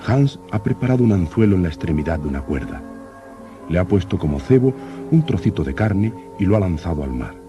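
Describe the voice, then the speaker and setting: An actor playing an earnest, curious young explorer who narrates his expedition diary like an old radio serial announcer, in formal, measured diction. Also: deep voice. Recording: old radio drama with music.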